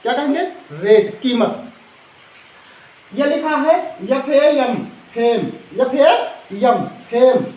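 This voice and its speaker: A man's voice: very high-pitched, expressive, slow pace, a little mellow. A male teacher giving a phonics lesson to children, often quizzing the class with repeated questions. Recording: echoey classroom.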